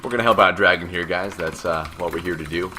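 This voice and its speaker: A man's voice: low voice, quick pace, sharp tone, a little hiss or hum. A man giving joking play-by-play commentary on a strategy video game match. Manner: joking, banters with co-caster. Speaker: esports caster.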